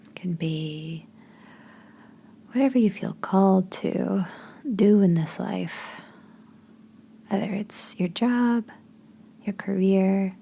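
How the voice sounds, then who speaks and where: Guiding a meditation, a woman speaks in a dark, relaxed, mid-range voice full of vocal fry, soft and breathy to the point of nearly whispering. She goes very slowly, leaving gaps between short, gentle phrases, with slight background noise behind her.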